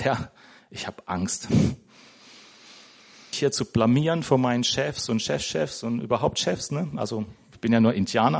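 Medium in pitch, a little mellow and with vocal fry, a man gives an informal sermon in a church as a lay preacher. Conversational in manner, he searches for his words and finishes most sentences with "ne?".

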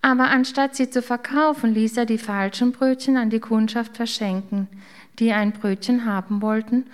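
A woman reading a children's story aloud in a calm, gentle way. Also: fairly high pitch, normal speed.

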